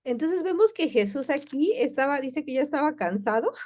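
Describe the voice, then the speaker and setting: Mellow-voiced woman teaching a Bible class. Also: high voice, very animated, moderate pace. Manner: warm, conversational, with many fillers and restarts.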